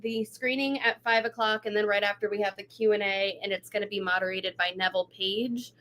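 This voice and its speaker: A woman's voice: mid-range voice, fairly even intonation, fairly quick, fairly bright tone, a little hiss or hum. A woman being interviewed about her film, chatty and full of "like" fillers. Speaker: actress and producer guest. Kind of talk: casual interview chat.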